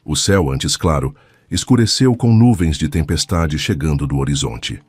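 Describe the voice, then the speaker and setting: Deep, husky male storyteller. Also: expressive, no echo. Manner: measured, dramatic storytelling. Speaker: narrator. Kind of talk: scripted narration.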